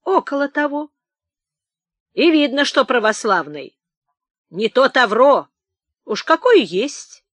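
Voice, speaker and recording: Cheeky old tramp, slow and teasing, read by a woman. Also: high voice, animated, no echo, pitched above the performer's own voice, exaggerated voice. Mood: sly. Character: old wandering man, sly, bold.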